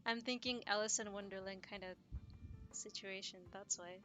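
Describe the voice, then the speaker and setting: A young woman streamer casually commenting on a game, giggling, swearing and dropping into soft asides. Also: mid-range voice, steady tone, moderate pace, faint music behind.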